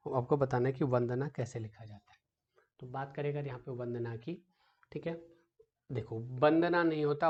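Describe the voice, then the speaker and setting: A man's voice: medium pitch, darkish tone, husky, dull audio. A male teacher runs an exam-prep lesson, quizzing students and often checking back with them with rhetorical questions. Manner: repeats "ठीक है" often and asks rhetorical questions; addresses students as "बेटा", patient explaining.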